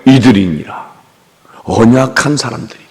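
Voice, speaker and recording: With a medium-pitched, darkish voice at a moderate pace, a pastor with a Korean accent leads a call-and-response revival sermon. He draws amens from the sanctuary and acts out the characters in his story as the hall's long reverb rings.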